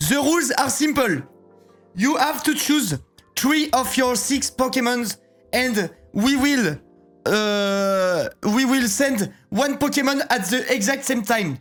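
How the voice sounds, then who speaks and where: A man in his thirties putting on a goofy game arena leader, announcing the rules in slow, drawn-out English. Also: very high-pitched, expressive, a bit bright, soft background music, full character voice. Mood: showman announcing. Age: 30s.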